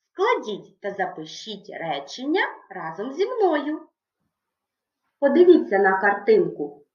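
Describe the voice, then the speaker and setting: A woman voicing an eager young female cartoon helper in a high, sing-song voice, guiding children through a writing task. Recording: echoey room, dull lo-fi sound.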